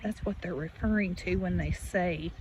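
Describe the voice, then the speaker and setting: With a running creek and animal sounds behind her, a woman teaches young children outdoors at a farm pond, reading aloud and speaking straight to them. Her pitch is fairly low, her tone darkish, and her pace normal.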